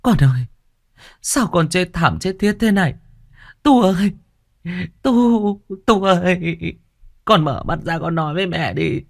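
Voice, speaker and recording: A man putting on a shrill wailing village matriarch. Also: moderate pace, few pauses, a bit bright, clear, resonant tone, natural voice. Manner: screeching, wailing, scolding. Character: shrill grieving middle-aged village matriarch.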